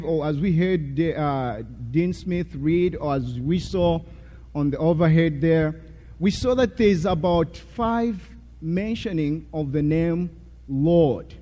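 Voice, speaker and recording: A young man from Zambia, a graduating student, giving a chapel testimony with a warm, self-deprecating manner and frequent fillers. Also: a little high. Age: young adult. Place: college chapel. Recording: hall with long reverb.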